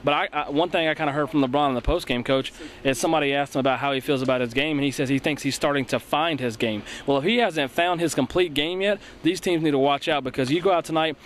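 A young man runs through post-game analysis at a rapid clip, earnest and full of restarts. He speaks into a handheld mic in an empty arena. Faint ambience hums behind him. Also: fairly high pitch, slight background noise. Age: young adult. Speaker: sports broadcaster co-host. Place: empty indoor basketball arena. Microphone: handheld mic held by co-host.

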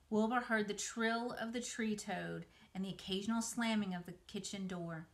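A woman's voice: medium pitch, fairly bright tone. A middle-aged woman narrating a children's storybook aloud as an educator, recorded indoors in a small room. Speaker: museum educator reading aloud.

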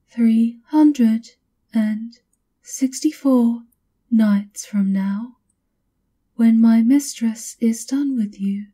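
A woman in a whispered ASMR roleplay voices a coolly formal, subservient maid of a vampire countess, with a gently menacing edge. Her voice is on the high side, soft and polite, with breathy, measured words.

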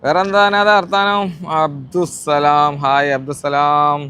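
Clear-voiced Malabar man chatting on a livestream. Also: a little high, takes it slowly, sharp tone. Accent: northern Kerala (Malabar) Malayalam. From Kozhikode district, Kerala, India. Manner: informal, question-filled, repeats phrases. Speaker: live-stream vlogger. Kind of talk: casual live-stream chat, greeting viewers.

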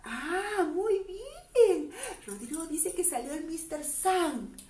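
A woman's voice: extremely high pitch, slow. A woman preschool teacher leading a class routine with chants and action songs in a sing-song voice. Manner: animated, chanting and singing action rhymes. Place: classroom with children. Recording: roomy sound, mic at a distance.

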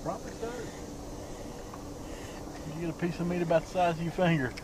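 A fishing guide answers in short, dry remarks from a boat out on a lake. His voice runs slightly high for a man. Faint outdoor noise sits behind him. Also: little pitch movement, brisk, a little mellow. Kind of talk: casual chat.

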